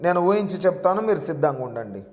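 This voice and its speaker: A man's voice: on the high side, very animated, rapid-fire. A male teacher giving an exam-prep grammar lesson. He spells words out letter by letter and repeats the key terms. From Andhra Pradesh, India. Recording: echoey room with long reverb.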